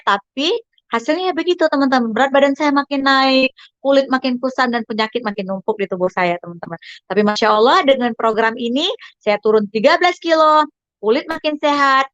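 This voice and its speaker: A chatty woman coach, her voice sitting a little high. She lectures an online diet class and keeps turning to her listeners as friends. The sound is dry and dull, like lo-fi audio. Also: expressive, fairly quick, a bit bright, dry recording.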